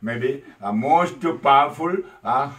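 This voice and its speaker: A man preaching a sermon as a priest, emphatic and animated, with many fillers. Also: medium pitch, takes it slowly, far from the mic, rough recording.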